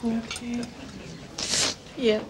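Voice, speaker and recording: An actress playing a patient wife who talks slowly and softly. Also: female voice, fairly high pitch, completely flat delivery, background noise. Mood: gentle. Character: patient wife, gently exasperated.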